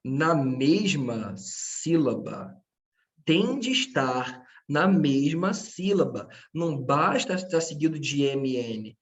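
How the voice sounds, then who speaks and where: This man's voice is on the high side, slow and sing-song. He teaches a grammar lesson patiently, addressing his students directly and checking in with them often.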